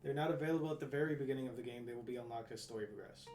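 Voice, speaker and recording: Guy commenting on a game with friends, normal pitch, echoey, music behind. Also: racing, a little mellow. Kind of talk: casual let's-play chat.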